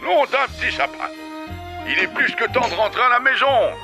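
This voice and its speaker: A man's voice: extremely high pitch, expressive, normal speed. A man voicing a jolly, commanding old Santa Claus in a French children's cartoon, hearty and exclamatory. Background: music.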